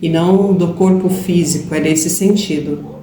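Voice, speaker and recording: A woman co-hosting a spiritual talk, explaining calmly and affirming her partner's points. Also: on the low side, moderate pace. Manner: calm, affirming explanations with "gente" and "né?". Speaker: spiritual channel co-host. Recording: roomy with faint background hiss.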